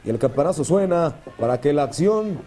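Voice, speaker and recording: A man's voice: on the high side, lively intonation, a little fast, dark tone, a little hiss or hum. A man with a Mexican accent commentating wrestling play-by-play as a lucha libre announcer, solemn and descriptive.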